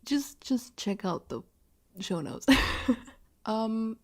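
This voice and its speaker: A woman in her early 20s from southwest Germany speaks English, not her first language, with a German accent while hosting a casual solo podcast. She is chatty and self-deprecating, laughing often between sentences. Her voice is fairly high, expressive, darkish in tone, and extremely slow.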